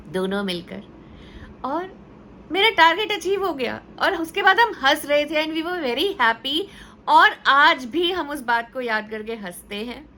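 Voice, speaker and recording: Woman teacher, bright and slightly high voice, chatty storytelling parenting advice. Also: a little hiss or hum. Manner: conversational, mixes English words into Hindi; storytelling with acted quotes.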